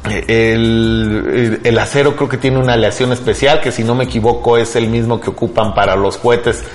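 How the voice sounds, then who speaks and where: Over background music, a middle-aged man with a Mexican accent hosts a relaxed tech news podcast in colloquial language, regularly tagging on questions that seek agreement. His voice sits in the mid range, with fairly even intonation and a moderate pace.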